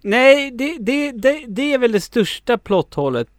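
Excitable man with a smooth voice. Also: very high-pitched, no echo, clean studio sound. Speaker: podcast co-host. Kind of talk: casual film discussion.

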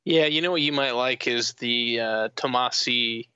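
A man co-hosting a casual comics podcast, with a bright, sharp voice. He speaks in easy, agreeable remarks and pauses for short fillers. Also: mid-range voice, clear, resonant tone, dry recording, dull audio. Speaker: podcast co-host.

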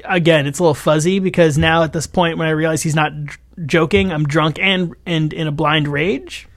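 A man co-hosting a podcast in casual chat, telling rambling, animated stories and laughing often. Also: a little high, normal speed, no room sound, studio quality. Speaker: podcast co-host.

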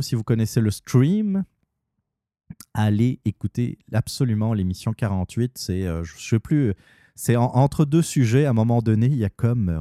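A man's voice: lowish voice, mellow, no echo, studio quality. A man with a Québécois accent hosting his own podcast, talking casually with many fillers and restarts. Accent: Québécois French. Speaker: podcast host. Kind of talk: casual solo podcast talk.

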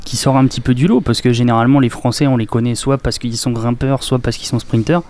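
A man co-hosting a casual sports chat on student radio. He speaks haltingly, often restarting his sentences, and makes jokes about himself. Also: mid-range voice, fairly even intonation, a little mellow. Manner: hesitant, many fillers and restarts, joking. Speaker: radio co-host. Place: radio studio.

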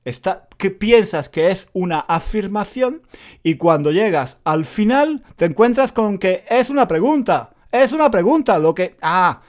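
Guy teaching, high voice, bouncy delivery, repeats himself a lot. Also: a little slow. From Spain. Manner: animated, repeats phrases, self-mocking jokes. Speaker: Spanish teacher. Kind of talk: casual spoken lesson.

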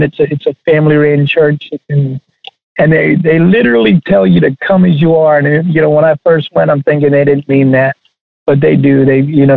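Male guest, gravelly voice, halting delivery, tinny dry phone line. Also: fairly high pitch, dry recording. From Texas. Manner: halting, many restarts. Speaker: guest chef. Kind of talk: casual interview talk.

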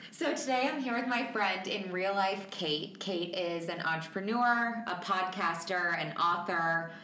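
A woman's voice: fairly low pitch, measured pace, pushed and bright. A woman podcast host chatting casually and laughing between phrases, her voice echoey from a table mic set some way off. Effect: echoey sound from a distant table mic. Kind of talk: casual interview chat. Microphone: table mic set across the table.

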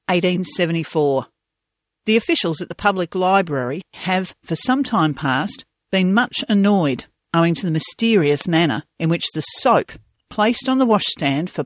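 History narrator, wry and dry-humoured, mid-pitched voice, close dry studio sound. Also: no room sound. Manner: wry, dry humour, theatrical reading of old newspaper quotes. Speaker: radio history storyteller. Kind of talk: scripted narration.

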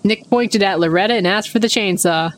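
A woman's voice: mid-range voice, a little fast. A woman reading a comic story aloud as its dramatic narrator.

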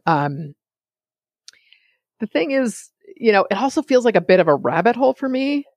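A woman's voice: a little high, expressive, fast, darkish tone, no room sound. A woman hosting a solo podcast, talking casually in a chatty, digressive way and often sidetracking herself. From California. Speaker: podcast host.

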